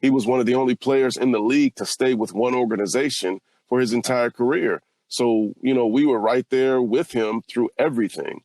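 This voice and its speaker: An earnest man from California hosts a casual talk show, reflective and open about his feelings. His voice sits at an ordinary middle pitch for a man. It is recorded dry and close, with no room sound. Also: brisk, hardly any pauses, darkish tone, no echo. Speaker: podcast host. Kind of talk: casual podcast conversation.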